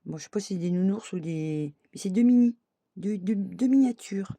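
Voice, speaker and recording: A woman's voice: mid-range voice, moderate pace, warm tone, breathy edge, no room sound. A woman craft vlogger chatting casually to her viewers, thinking aloud and dotting her talk with little "hop" and "voilà".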